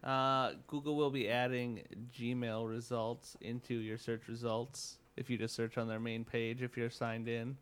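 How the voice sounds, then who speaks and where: A man's voice: mid-range voice, little pitch movement, unhurried, hardly any pauses, fairly bright tone, clear, resonant tone. A man co-hosting a casual tech podcast who talks in a chatty, hedging way, full of "like" and "I guess.". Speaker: podcast co-host.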